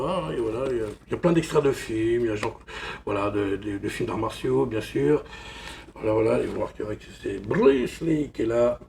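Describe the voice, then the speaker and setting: A man's voice: mid-range voice, creaky, a little mellow, slight background noise. A man from France chatting casually through an unboxing, rambling and constantly saying "voilà". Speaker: film collector vlogger.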